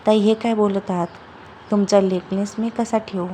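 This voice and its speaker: A woman storyteller voicing a kind, timid young daughter-in-law who speaks gently. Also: medium pitch, steady tone, moderate pace, a little hiss or hum, close to an everyday voice. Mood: gentle. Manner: gentle, reassuring.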